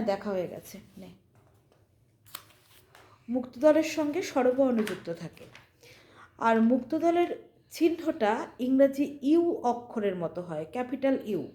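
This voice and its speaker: A woman's voice: high voice, mellow, roomy sound. A woman teacher giving a casual classroom lesson, drawing out example words as she explains. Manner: conversational, drawn-out example words.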